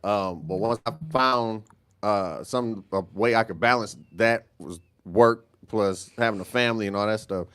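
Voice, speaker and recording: A man's voice: lowish voice, moderate pace, a bit bright, smooth. A man in his thirties, a stand-up comedian chatting casually on a talk show, telling stories in a laid-back way with frequent restarts. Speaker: comedian guest. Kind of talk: casual chat.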